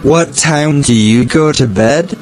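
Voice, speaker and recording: A man's voice: mid-range voice, slow, a little mellow, slight background noise. A man asking simple scripted questions in a repeated language-practice dialogue.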